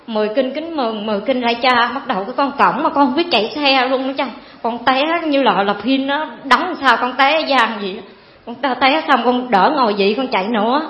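A woman, giving a rambling, earnest personal testimony to a priest. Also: high voice. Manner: rambling, earnest, fills pauses with "cái" and calls the priest "cha". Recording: echoey, dull hall sound.

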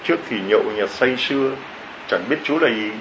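Lively priest preaching. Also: male voice, medium pitch, brisk, background noise. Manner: lively storytelling with many rhetorical questions. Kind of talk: homily to a congregation.

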